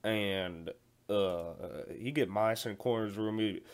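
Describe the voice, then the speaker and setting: A man's voice: lowish voice, moderate pace, clear, resonant tone, natural voice. A man playing a callous 40-year-old male night security guard who stammers, repeats himself and rambles in slangy talk during a comedy phone-call monologue. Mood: rambling. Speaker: comedy skit performer.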